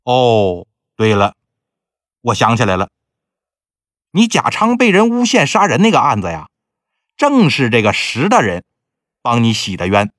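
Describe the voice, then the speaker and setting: A man's voice: mid-range voice, wildly swooping pitch, unhurried, pauses often, fairly bright tone, no echo, studio quality. A man voicing a shrewd, chatty older woman slave broker who talks in a nosy, teasing way. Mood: brisk. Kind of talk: storytelling with character voices.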